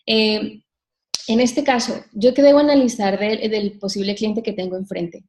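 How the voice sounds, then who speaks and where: A woman leading a live sales workshop, talking straight to her audience with frequent questions and shifting her pace and loudness to stress points. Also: mid-range voice, fairly even intonation, normal speed. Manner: addresses the audience directly with frequent rhetorical questions. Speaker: sales trainer.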